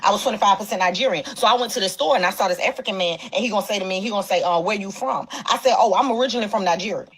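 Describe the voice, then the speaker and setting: A woman telling a comic story in a rapid, high-energy delivery, from a played clip. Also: husky. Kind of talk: stand-up style storytelling clip.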